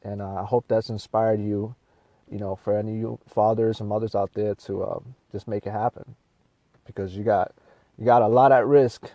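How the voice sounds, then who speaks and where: A man with a gravelly, creaky voice gives an earnest, emotional motivational talk straight to camera. He repeats himself and leans on fillers, and the sound is close and dry with no room echo. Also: on the low side, fairly even intonation, moderate pace, lo-fi sound. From Brooklyn, New York. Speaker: vlogger.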